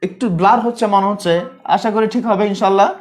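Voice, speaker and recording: A Bangladeshi man with a high-pitched voice teaches a live online biology class at a fast clip, keeping his tone steady. He talks casually, poses questions and answers them himself, and repeats the key points.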